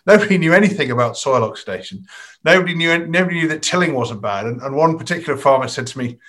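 Male interviewer, chatty and conversational, slightly high voice. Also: expressive, fast talker, a bit bright. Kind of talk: interview questions and anecdotes.

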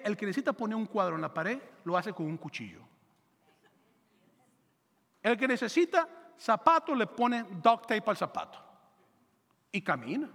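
Man, pastor, sermon, high bright voice, playful and animated, long hall reverb. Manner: animated, joking, acts out biblical dialogue in voices.

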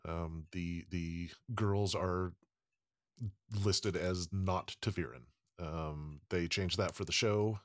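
A man's voice: low-pitched, steady tone, takes it slowly, no echo, studio quality. A man hosting a casual podcast panel, talking with many ums and restarts. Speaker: podcast host.

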